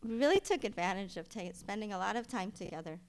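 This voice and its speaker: A woman's voice: mid-range voice, quick pace. Rambling middle-aged woman giving a eulogy. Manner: rambling storytelling with many fillers and restarts; grows loud and animated at the punchlines. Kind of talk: funeral eulogy, personal anecdotes. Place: funeral service.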